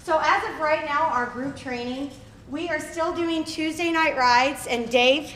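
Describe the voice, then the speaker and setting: A woman's voice: high-pitched, a little slow, a bit bright. A woman hosting a club meeting, giving casual announcements in a chatty, upbeat way with fillers. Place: running store meeting room. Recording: echoey room, faint noise.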